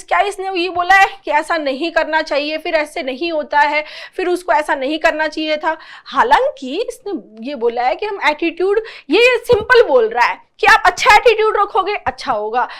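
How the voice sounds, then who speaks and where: A woman teaching an exam-prep lesson, reading English lines slowly and explaining them, often asking "clear?" to check understanding. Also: very high-pitched, a bit bright. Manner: asks checking questions, translates English lines into Hindi; reads the English text slowly and deliberately.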